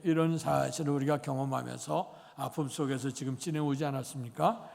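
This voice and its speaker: A man's voice: a little high, creaky. A man in his sixties preaching a Sunday sermon as pastor, rambling through an anecdote with many fillers. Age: 60s. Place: church sanctuary. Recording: long church hall reverb.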